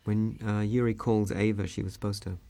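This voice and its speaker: Low, gravelly male director, flat delivery, for a relaxed DVD commentary. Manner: relaxed, measured, with frequent ums and uhs. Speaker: film director giving commentary.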